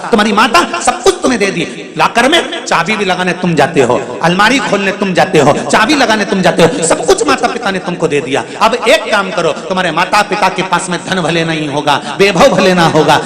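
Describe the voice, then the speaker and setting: Echoey male storyteller in a big hall. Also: high-pitched. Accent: Hindi. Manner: dramatic, repeats phrases, swings from loud to soft; breaks into sung lines. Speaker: religious storyteller. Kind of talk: devotional scripture discourse. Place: large hall with crowd. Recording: echoey live hall with music behind.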